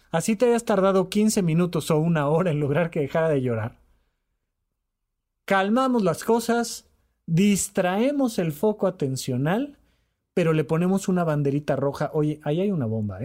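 A man, a therapist hosting a podcast on emotional health, who talks in an animated way and hammers his points home by repeating them. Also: high voice, moderate pace. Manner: animated, repetitive, acts out quoted dialogue.

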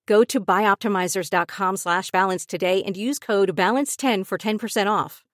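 A woman reads a scripted advertisement in a smooth, persuasive tone. Her voice sits at a middle pitch, recorded dry and close. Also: dry recording. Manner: polished, persuasive. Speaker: ad announcer.

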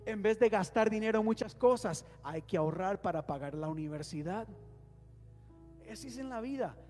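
Expressive and a little mellow, this man's high voice moves at a moderate pace as he preaches a sermon. He's the pastor in a church hall, drawing responses from the congregation and leading them in prayer, recorded with long reverb and faint music.

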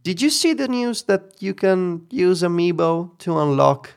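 Gravelly man musing wryly. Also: high-pitched, lively intonation, a little slow. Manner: musing, opinionated, wry laughter. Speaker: podcast co-host. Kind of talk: casual chat.

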